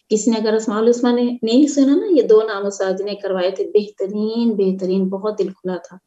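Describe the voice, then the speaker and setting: A woman teaching recitation in an online class, speaking slowly and patiently, repeating syllables and asking her students questions. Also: mid-range voice, warm tone, dull audio. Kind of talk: online tajweed lesson.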